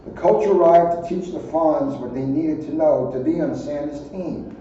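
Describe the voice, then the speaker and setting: Reading from a children's storybook, this police officer slips in casual asides of his own as he goes. He speaks at a normal speed in a warm, slightly high voice. The audio sounds muffled and far away, heavily echoey, with a faint hiss of noise.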